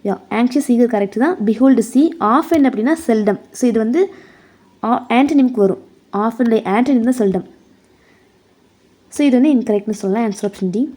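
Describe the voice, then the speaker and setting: A woman with a Tamil accent teaching an exam prep lesson, reading English questions slowly and explaining them in quick Tamil. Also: a little high, warm tone.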